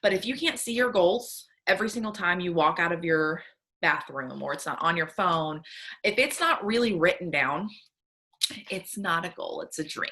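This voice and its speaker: A woman's voice: on the low side, lively intonation, normal speed, bright, forceful tone. A woman in her thirties, a sales team leader, giving an earnest tough-love motivational talk from her computer at home, with frequent "um" and "right?". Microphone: computer webcam.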